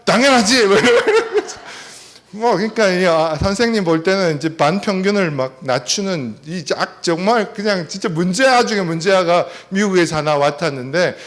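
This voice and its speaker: A middle-aged man speaks at a family seminar in a high-pitched voice, at normal speed and with few pauses. He tells personal stories with animation and puts questions to the audience.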